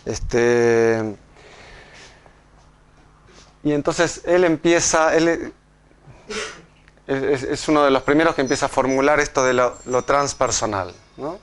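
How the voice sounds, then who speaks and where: In a lecture hall before an audience, an Argentine man delivers a talk in halting fashion, repeatedly restarting and tossing in "¿no?" to check in. He has a medium pitch and a clear, resonant tone.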